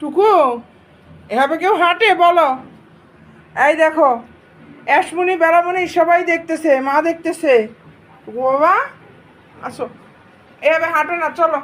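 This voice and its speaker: A young woman from Bangladesh speaks to her pet cats in a high, doting baby-talk voice. She coaxes them gently and switches to firm scolding when they misbehave. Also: measured pace, long pauses. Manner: coaxing, doting and scolding by turns. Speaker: cat owner vlogger.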